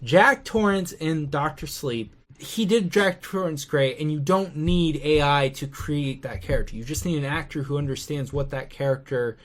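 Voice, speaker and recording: A man's voice: a little high, moderate pace, hardly any pauses. A man in a casual debate, talking emphatically, repeating himself and cutting in to make his point.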